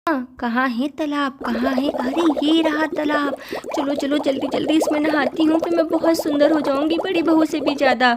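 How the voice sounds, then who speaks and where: Woman storyteller, high voice, animated, exclaiming, doll story narration. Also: moderate pace, few pauses, heavy background noise. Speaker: storyteller voicing every part.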